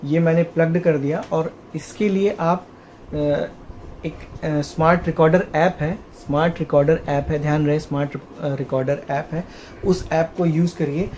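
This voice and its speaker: A man talks through a gadget demo in a relaxed, halting way, often stalling on "uh" while he finds his words. His voice sits a little high for a man, and a faint hiss of background noise stays under it. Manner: hesitant, with frequent "uh" fillers, addresses viewers as friends. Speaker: tech tutorial host. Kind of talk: casual how-to demonstration.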